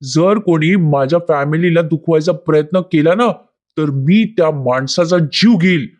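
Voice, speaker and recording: A woman's voice: low voice, unhurried, darkish tone. Tense young husband, clipped and curt, voiced by a woman narrator. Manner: clipped, curt when angered.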